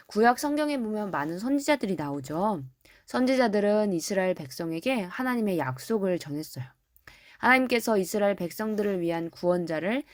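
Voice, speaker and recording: A woman gives a storytelling sermon for children, gentle and friendly, speaking straight to her young listeners. Her pitch is ordinary and middle, and the sound is dry and close, with no room echo. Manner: gentle, addresses the children directly. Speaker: children's ministry preacher.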